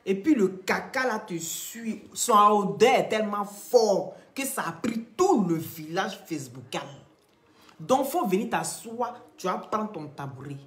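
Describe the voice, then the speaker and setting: Animated woman. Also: mid-range voice, a little slow, echoey room. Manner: animated, calls out viewers, repeats phrases. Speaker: live-stream host. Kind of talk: Facebook live gossip commentary.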